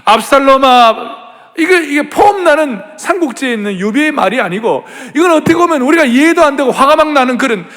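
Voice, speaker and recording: A middle-aged male pastor preaching a sermon, telling the story dramatically and swinging from hushed whispers to loud cries. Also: extremely high pitch, sing-song, quick pace, hardly any pauses. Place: large church sanctuary. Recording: reverberant large church hall.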